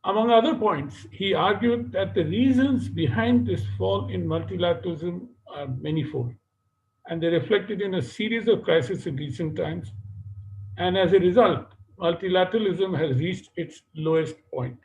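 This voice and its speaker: A man moderating a webinar, giving formal opening remarks in a measured, hesitant way with frequent fillers, heard over a video call. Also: high voice, expressive, a little mellow. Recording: dull lo-fi webinar audio.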